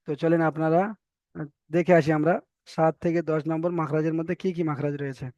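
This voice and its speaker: A man's voice: a little high, fairly even intonation, fairly quick, a little mellow, no room sound, dull audio. A man teaching a recitation lesson, patiently explaining and repeating sounds for students to drill. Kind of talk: online tajweed lesson.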